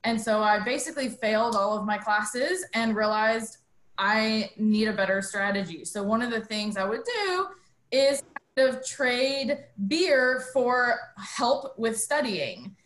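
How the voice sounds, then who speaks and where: A woman's voice: on the high side, expressive, fairly bright tone. A young adult woman from New Mexico, a bar owner, telling her background in an earnest, storytelling way during an interview. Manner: earnest, storytelling, thoughtful pauses. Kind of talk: interview conversation. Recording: roomy echo.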